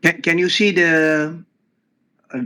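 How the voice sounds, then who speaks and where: An older man giving a university lecture on a video call, halting with many fillers and repeated words. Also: fairly high pitch, little pitch movement, bright, forceful tone, smooth, rough recording. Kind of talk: online class lecture.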